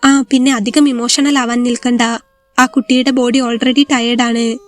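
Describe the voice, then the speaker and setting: A woman voicing a hospital doctor who gives news in a calm, matter-of-fact way in a spoken story. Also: a little high, a little slow, close to an everyday voice. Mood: reassuring.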